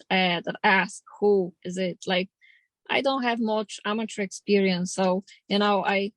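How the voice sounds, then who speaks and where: A Polish professional boxer, a woman in her thirties, speaks in a casual interview with a Polish accent. Her mid-range voice has no room sound, and her English is plain, determined and slightly non-native.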